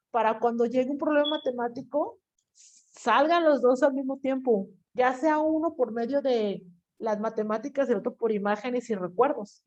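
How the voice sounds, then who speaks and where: A woman's voice: high voice, a little mellow. A woman teacher giving a chatty class lecture, acting out little inner voices as she explains. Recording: lo-fi dull audio.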